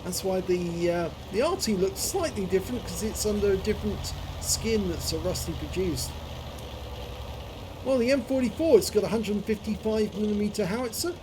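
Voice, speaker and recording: A man's voice: high-pitched, animated, moderate pace, background noise. A man commentating on a video game, his speech slurred and clumsy from a numb, frozen jaw. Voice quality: slurred, numb-jawed speech from dental infection.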